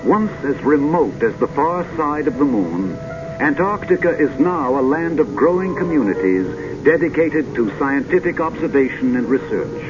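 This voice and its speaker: Man, old sci-fi announcer, stately scripted narration, animated intonation, poetic emphasis, clear music behind. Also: on the high side. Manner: grand, dramatic, measured delivery with poetic emphasis and drawn-out phrases. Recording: dull vintage film soundtrack with music.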